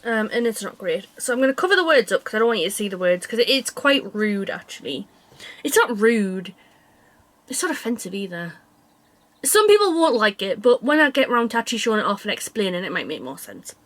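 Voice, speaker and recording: A woman's voice: mid-range voice, fairly bright tone. A woman chatting casually to camera as a craft vlogger, rambling along with frequent self-interrupting asides. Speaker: cross-stitch vlogger.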